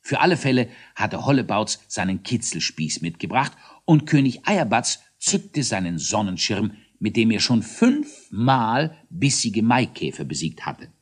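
Lively husky male storybook narrator. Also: on the low side, unhurried, few pauses. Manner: animated character voices.

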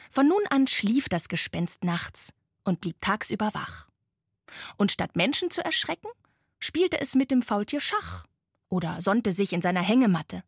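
A woman narrating a children's bedtime story in a gentle, expressive, often hushed way, with a breathy voice. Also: medium pitch, no echo, studio quality.

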